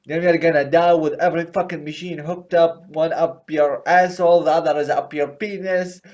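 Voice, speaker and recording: A man's voice: a little high, fairly even intonation, normal speed, darkish tone, natural voice. A man voicing a bitter, profane male soldier with a British accent who hates electronics and grumbles spitefully.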